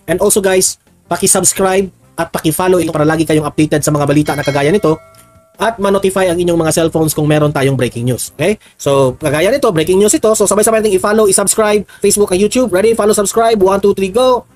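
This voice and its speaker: A man's voice: sits high, quick pace, a little mellow, faint music behind. A Filipino man giving heated, mocking political commentary as a news vlogger, urging viewers to like and share. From Philippines.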